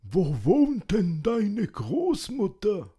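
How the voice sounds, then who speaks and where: A woman voicing a sly male wolf in a fairy tale, speaking slowly and coaxingly in a disguised voice. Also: mid-range voice, very animated, dark tone, slightly rough, full character voice.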